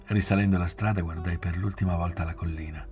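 A man reading a novel aloud in a measured, restrained way, often sinking to a near-whisper. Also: low voice, steady tone, music in the background. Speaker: audiobook reader. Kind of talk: literary audiobook narration.

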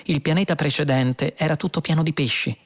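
A man's voice: fairly high pitch, brisk, husky. A man reading an audiobook, voicing a practical young woman space traveller in a matter-of-fact way. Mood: explaining.

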